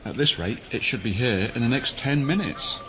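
A man's voice: medium pitch, expressive, moderate pace, sharp tone, slight background noise, low-quality recording. A man playing a dutiful, plain-spoken army sergeant giving reports in an audio drama. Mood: tense, reporting.

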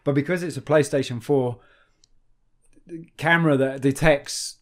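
A man's voice: mid-range voice, unhurried. Man chatting with loose, rambling energy. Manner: rambling, animated storytelling with frequent swearing and restarts. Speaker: podcast host. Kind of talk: casual chat.

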